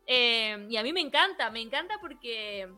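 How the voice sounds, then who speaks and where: Argentine woman in her 30s, kinda high bright voice, laughs easy, guest on a stream. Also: normal speed. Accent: Argentine, non-porteño. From Argentina, outside Buenos Aires. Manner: lively, laughs easily, storytelling. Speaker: guest, programming teacher. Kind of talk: casual interview on a stream.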